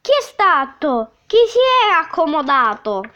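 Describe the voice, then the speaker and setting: A woman reading a children's story aloud in a gentle, expressive way, on a dull lo-fi recording. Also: high voice, measured pace, slight background noise.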